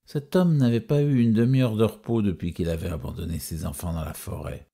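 A man narrating a fairy tale as a storyteller, with expressive, sweeping intonation. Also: on the low side, a little fast, creaky.

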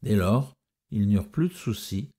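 A man narrating a fairy tale as a storyteller, with expressive, sweeping intonation. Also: on the low side, moderate pace.

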